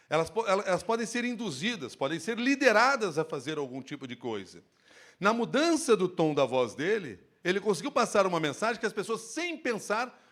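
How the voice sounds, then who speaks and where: A man speaking on stage at a workplace safety event, giving an expressive live lecture into a handheld microphone. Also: high-pitched. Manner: animated, expressive, shifts tone to demonstrate.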